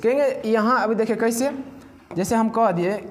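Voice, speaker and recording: A man's voice: very high-pitched, moderate pace. A man teaching a physics class, who keeps asking the students questions and then answers them himself.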